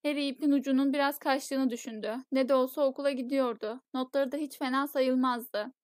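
A woman reads a novel aloud as an audiobook in steady, measured storytelling. Her voice sits high, and the recording is dry and close with no room sound. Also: no echo. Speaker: audiobook narrator. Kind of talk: audiobook narration.

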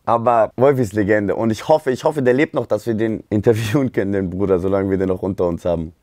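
A man from Germany, telling stories on a livestream in an animated, slang-heavy way. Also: fairly low pitch, quick pace, no echo, clean studio sound. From Speyer area, southwest Germany. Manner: animated, street slang, frequent "Bruder" and "gell". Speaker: streamer and rapper. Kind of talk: casual livestream storytelling.

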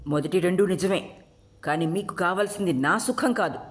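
A woman storyteller voicing a defiant teenage daughter who shouts back at her parents. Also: fairly low pitch, normal speed, natural voice. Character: defiant rebellious teenage girl Shabari.

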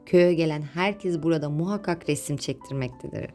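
A woman's voice: low-pitched, brisk, music in the background. A woman narrating a scripted travel vlog, informative and addressing viewers directly as friends.

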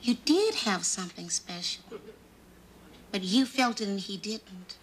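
A woman's voice: medium pitch, lively intonation, measured pace, close to an everyday voice. An actress playing a loving, worried motherly American woman in middle age, emotive in a television sitcom. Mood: tender. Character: Nell, worried loving motherly woman caring for teenage girls. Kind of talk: television sitcom acting before a studio audience. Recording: noisy TV sitcom soundstage.

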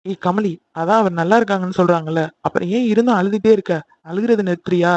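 A man's voice: high voice, fairly even intonation, quick pace, natural voice. A man voicing a worried, protective young man in an amateur cartoon, talking earnestly and pleading. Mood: comforting. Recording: dry, slightly dull lo-fi recording.

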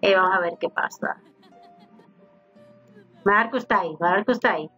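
A woman's voice: lowish voice, normal speed, pushed and bright, slightly rough. Chatty woman narrating her life-sim game. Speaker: gaming YouTuber. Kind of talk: casual let's-play commentary. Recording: slightly dull home recording with faint game music. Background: faint game music.

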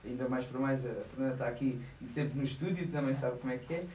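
A man's voice: mid-range voice, quick pace, mellow, roomy sound, distant mic, slight background noise, poor audio. A man in his thirties with a European Portuguese accent, a singer chatting as a guest in a small radio studio, laughing often and hesitating. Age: 30s. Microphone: studio mic, headphones on.

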